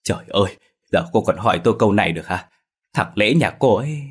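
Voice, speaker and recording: A man's voice: on the low side, animated, slightly rough. A man voicing an alarmed old village man bringing bad news. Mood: urgent. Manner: hurried, urgent.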